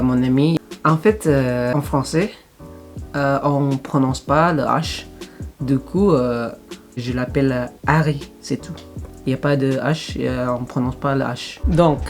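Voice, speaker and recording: A man's voice: medium pitch, darkish tone. Chatty young man with Indonesian accent. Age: 20s. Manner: chatty, self-conscious, many hesitations. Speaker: vlogger. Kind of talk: casual vlog.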